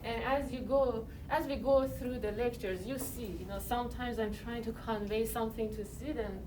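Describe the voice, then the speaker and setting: An Iranian woman with an Iranian accent gives a university chemistry lecture in a loose, chatty style, peppered with "you know" and "like." Her voice is fairly high and steady at a normal pace, captured from a distance on an iPad in a noisy classroom.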